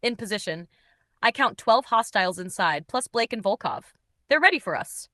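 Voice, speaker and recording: A woman reading an audiobook, voicing a big male Russian bodyguard giving calm, terse reports. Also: mid-range voice, moderate pace, dry recording, close to an everyday voice. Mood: steady.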